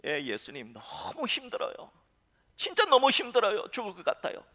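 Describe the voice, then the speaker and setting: A man's voice: sits high, wildly swooping pitch, moderate pace, creaky, pushed and bright, pitched above the performer's own voice, full character voice. A man acting out a tired believer who begs to have their heavy cross cut shorter, in a pleading, whining voice. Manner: pleading, whining, self-reproaching. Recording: reverberant church sanctuary.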